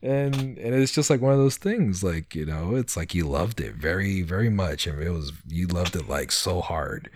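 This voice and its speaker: A man in his thirties in a casual podcast chat, telling stories with frequent laughs and halting restarts. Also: deep voice. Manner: laughing, halting, animated storytelling. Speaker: podcast co-host.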